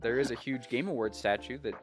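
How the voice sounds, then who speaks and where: A man's voice: mid-range voice, fast, faint music behind. A young adult man co-hosting a podcast in casual chat, laid-back and explaining in loose run-on sentences. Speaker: podcast co-host.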